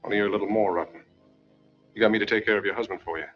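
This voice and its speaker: A cynical noir detective type, played by a man, rattling off hard-boiled accusations very fast in a lowish voice. The sound is a dull old film soundtrack with music underneath. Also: fairly even intonation, natural voice. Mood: bitter, accusing.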